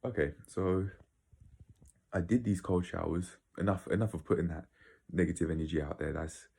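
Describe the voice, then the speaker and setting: Deep voiced guy rambling to his viewers, bit husky, blunt and sweary. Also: steady tone, normal speed, darkish tone. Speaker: video creator. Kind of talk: casual opinionated monologue to viewers.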